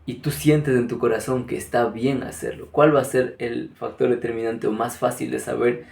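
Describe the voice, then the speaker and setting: A man gives a motivational spiritual talk, speaking earnestly and directly to the listener. His voice sits at an average pitch for a man. The recording has a noticeable room echo. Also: flat delivery, moderate pace, vocal fry, a little mellow. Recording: echoey room.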